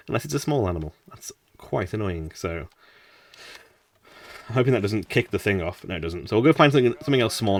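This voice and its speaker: Male gaming streamer, low voice, chatty and rambling, slightly distant mic. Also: a bit bright. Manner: rambling, chatty, laughs often. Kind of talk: casual gameplay commentary.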